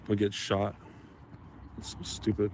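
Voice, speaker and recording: Quiet mumbling man in a played clip. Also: on the low side, monotone, unhurried, a little hiss or hum. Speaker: street auditor in a played clip. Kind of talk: casual livestream talk.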